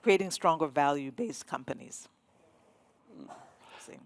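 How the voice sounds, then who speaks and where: A woman's voice: low voice, expressive, unhurried, vocal fry. A woman from Zambia speaking on a panel, earnest and sometimes searching for words. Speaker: diplomat on a panel. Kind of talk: panel discussion.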